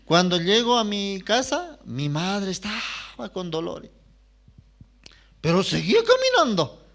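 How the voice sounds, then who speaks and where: A male pastor preaches and tells stories from his own life. His delivery is slow and deliberate, his pitch swings very widely, and his voice sits a little higher than most men's. He moves between loud, vivid moments and hushed asides. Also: creaky. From Bolivia. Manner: animated storytelling, jumping between loud and hushed. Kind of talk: sermon with personal storytelling.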